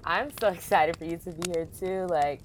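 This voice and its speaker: A woman's voice: lowish voice, normal speed, a little hiss or hum. A woman hosting a podcast, introducing her guest with gushing enthusiasm and casual asides like "y'all". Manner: effusive, peppers speech with "y'all" and "like". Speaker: podcast host. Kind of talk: podcast interview.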